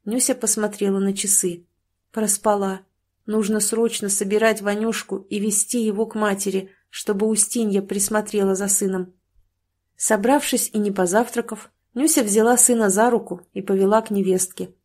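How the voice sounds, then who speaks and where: A woman narrating an audiobook in a calm, measured storytelling manner. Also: medium pitch. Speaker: audiobook reader.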